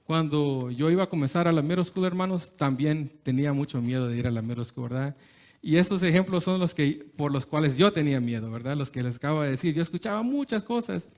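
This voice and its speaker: A man's voice: on the high side, expressive, fairly quick, darkish tone. A man preaching an informal sermon, often checking in with "¿verdad?" and mixing in English words. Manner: conversational, keeps asking "¿verdad?", slips into English words; hesitant restarts, chuckles between phrases.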